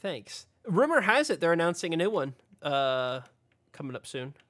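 Joking gamer guy, kinda high voice, dry close mic, laughs a lot. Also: sing-song, normal speed, a bit bright, dry recording. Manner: joking, giggly, mock foreign phrases. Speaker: gaming channel co-host. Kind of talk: casual gameplay banter.

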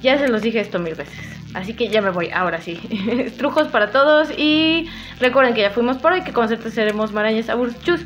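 A woman's voice: fairly high pitch, animated, a little fast. A woman with a Mexican accent chatting casually and playfully to her viewers while doing her makeup, laughing often. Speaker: makeup vlogger. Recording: dull lo-fi with faint music.

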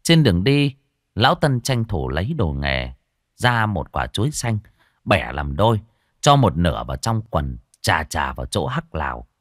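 A man's voice: sits low, big pitch swings, normal speed, no room sound, studio quality. A man narrating a ghost story in a vivid, dramatic way.

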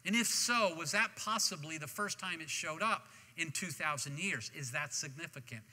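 A man preaching a sermon as pastor, talking in an animated way that often restarts its phrases, recorded in a church sanctuary through a stage microphone. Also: fairly high pitch, moderate pace. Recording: long reverb of a church hall.

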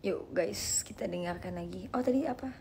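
A young woman hosting a live stream, chatting casually and playfully with viewers and answering their questions in slang, quick to laugh at herself. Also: on the low side, gravelly, a little mellow, slight background noise. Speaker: livestream host.

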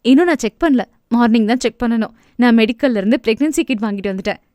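A woman's voice: fairly high pitch, quick pace, mellow, dry recording, studio quality, natural voice. A woman voicing a hopeful young wife in an audio novel, talking in a raised, eager and pleading voice.

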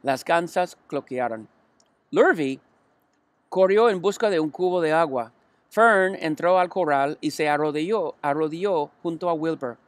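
A man reading a children's storybook aloud, slow and careful, now and then restarting a word. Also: a little high, no echo. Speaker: audiobook reader.

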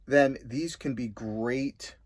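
A man's voice: medium pitch, takes it slowly, husky, no echo. Middle-aged man listing tips, dry sound. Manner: steady, explains in lists with many ums and uhs. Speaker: co-host of an RV travel channel. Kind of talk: casual explanatory chat. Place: small indoor room in front of a green screen.

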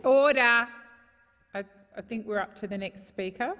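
A woman's voice: mid-range voice, steady tone, fairly quick. An Australian woman in her fifties presiding over a parliament, firmly calling speakers to order. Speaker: presiding officer of a legislature. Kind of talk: procedural chairing. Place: large indoor legislative chamber. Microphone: desk microphone while seated. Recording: reverberant parliamentary chamber.

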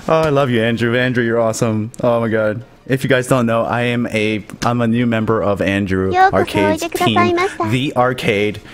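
A man's voice: medium pitch, animated, moderate pace, hardly any pauses. A young man streaming live, overexcited, stammering and laughing often between words. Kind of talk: excited live stream chat. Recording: faint background music.

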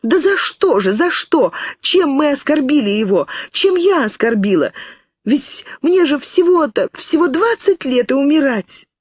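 A woman's voice: fairly high pitch, lively intonation, unhurried, a little mellow, slightly rough, dry recording, voice pushed up. A woman reading an audiobook, voicing a terrified twenty-year-old girl who pleads frantically between sobs. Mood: despairing.

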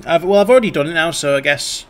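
A man's voice: a little high, quick pace, slight background noise. A man streaming a life-sim game, giving wry, chatty commentary and swearing casually.

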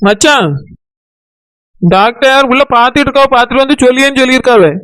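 A man's voice: extremely high pitch, fairly quick, fairly bright tone, clean tone, no echo. A man voicing a sly scheming son-in-law. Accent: Tirunelveli Tamil. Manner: sly, placating talk. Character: scheming young son-in-law covering a lie. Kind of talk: cartoon voice acting.

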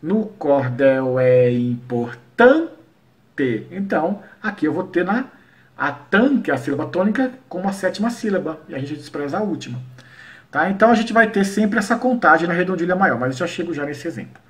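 A man from Paraíba leads an online lesson on cordel poetry. His voice sits a little higher than most men's. He explains patiently and slows into a rhythmic cadence whenever he recites verse. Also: expressive. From Paraíba, Brazil. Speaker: cordel poet and workshop teacher.

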